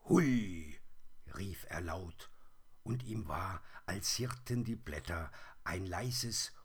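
A man calmly reading a children's story aloud. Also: sits low, slightly rough. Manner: calm, unhurried storybook telling.

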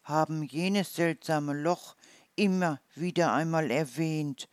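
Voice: mid-range voice, takes it slowly, clean tone, dry recording, lightly acted. Ein Vorleser spricht eine kleine, kecke Waldmaus. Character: small clever forest mouse, sharp-tongued.

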